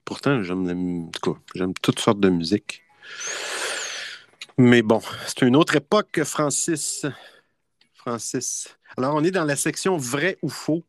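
Slow, chatty Québécois quiz host. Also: male voice, mid-range voice, no echo. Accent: Québécois French. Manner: playful, chatty, laughs often. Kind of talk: casual online quiz show.

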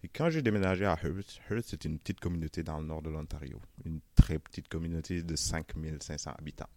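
A young man with a very low, deep voice speaks French with a Senegalese accent softened toward Canadian French. He talks in a relaxed, chatty way, laughing often and dropping casual fillers. The sound is close and dry, with no room echo. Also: fast talker. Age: young adult. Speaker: interviewee. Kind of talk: casual interview.

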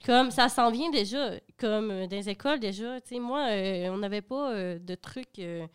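A woman's voice: medium pitch, normal speed, clean tone. A young woman with a Quebec French accent, chatting animatedly on a panel and using lots of fillers. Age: young adult. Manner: animated, talks with fillers like "genre" and "comme". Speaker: panel guest. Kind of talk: casual panel discussion.

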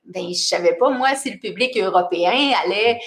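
A middle-aged woman with a strong Québécois accent, talking in a relaxed interview chat. Her delivery is animated and self-mocking, with frequent laughter, at a mid pitch for a woman. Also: normal speed. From Quebec. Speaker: singer-songwriter guest.

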